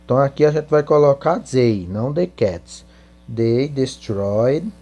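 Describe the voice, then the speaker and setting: Guy teaching english, super slow, soft dark voice, hum in the background. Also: mid-range voice, animated. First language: Portuguese. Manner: spells out English answers word by word, then translates. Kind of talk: slow classroom explanation.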